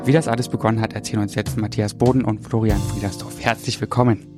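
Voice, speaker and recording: A man co-hosting a podcast, smoothly introducing the guests. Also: fairly low pitch, flat delivery, fast, music in the background. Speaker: podcast co-host.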